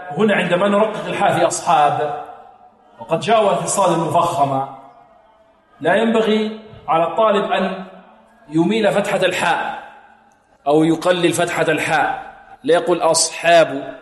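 A man teaching Quranic recitation rules. He asks questions, answers them himself, and chants slow, drawn-out examples. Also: high voice. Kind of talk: tajweed lesson with recited examples. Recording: echoey hall recording.

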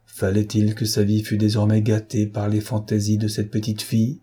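A man narrating a classic novel in a measured, even reading. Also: fairly low pitch, slightly rough. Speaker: audiobook narrator.

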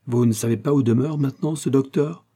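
A man's voice: medium pitch, fairly quick, dark tone, pitched above the performer's own voice, lightly acted. Man doing a sly old police inspector. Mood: courteous. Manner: feigned humble politeness, sly muttered asides. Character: cunning older male police inspector posing as a deaf provincial uncle.

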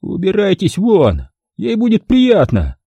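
A man's voice: high-pitched, wildly swooping pitch, a little slow, mellow, slightly rough, no room sound, lo-fi sound, pitched above the performer's own voice, heavily acted. A man reading an audiobook voices a curt, nervous male photographer who brokers murders and hisses orders. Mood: hissing. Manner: curt, hissing, commanding.

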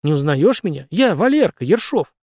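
Male reader as a worried good-natured young guy, urgent and rough-spoken, higher pitch. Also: sing-song, moderate pace, a little mellow, dry recording, studio quality. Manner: urgent, pleading, rough colloquial. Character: big kind-hearted young man, anxious.

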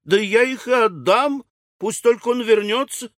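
A male audiobook reader voicing a fussy, anxious older widow who talks in a shrill, excitable way. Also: a little slow, dry recording, clean studio sound. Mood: agitated. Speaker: audiobook character. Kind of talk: audiobook character reading.

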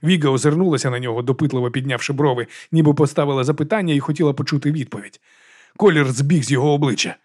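Brisk male audiobook narrator. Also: fairly high pitch, a little mellow, breathy edge. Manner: brisk, dramatic storytelling.

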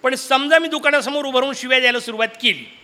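High, bright-voiced sermon speaker. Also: male voice, quick pace. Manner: lively, asks the audience questions, playful asides. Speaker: Puranic discourse speaker. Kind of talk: devotional sermon with storytelling.

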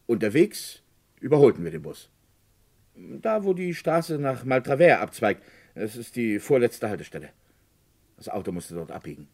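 In a radio play, an actor voices a calm, courteous village notary who has fallen under suspicion. His male voice is husky, mid-range and slightly mellow, and he speaks politely and deliberately, halting as he explains himself.

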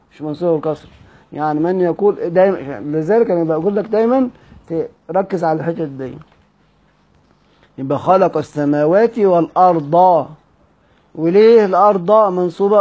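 A man's voice: sits high, a little mellow. A man with an Egyptian accent teaching Quran recitation rules in an online lesson. He quizzes his students, then reads a text aloud and explains it. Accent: Egyptian Arabic.

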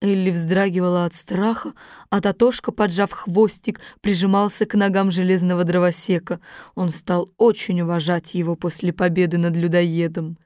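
A woman reads a children's story aloud in a measured, unhurried way, her voice on the lower side. The recording is close and dry. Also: level tone, darkish tone, no echo. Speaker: narrator. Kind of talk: scripted storybook narration.

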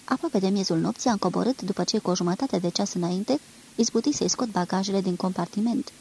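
A woman reading a literary novel aloud in a measured, expressive storytelling manner. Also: medium pitch, creaky, a little hiss or hum, poor audio. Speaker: reader.

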